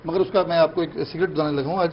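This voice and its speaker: A man with a somewhat high voice, a guest chef walking through a recipe step by step. The studio sound is dull and carries a faint hiss. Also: fairly even intonation. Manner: instructive, step-by-step. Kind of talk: explaining a recipe on TV.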